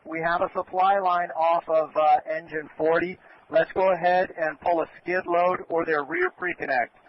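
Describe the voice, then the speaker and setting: A man with a fairly high voice speaks at a moderate pace, acting as a fire incident commander who gives orderly, polite instructions over a two-way radio. The recording sounds dull, like radio, with faint noise.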